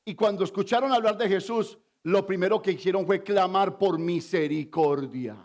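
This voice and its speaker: A man's voice: high-pitched, moderate pace, darkish tone. A male pastor preaching a sermon with emphasis, asking the congregation questions as he goes.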